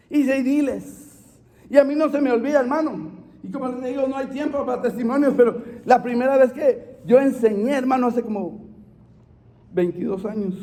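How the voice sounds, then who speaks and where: A middle-aged man preaching a fervent sermon at a night church service, calling out to his listeners as brothers and bursting into shouts. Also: very high voice. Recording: long hall reverb.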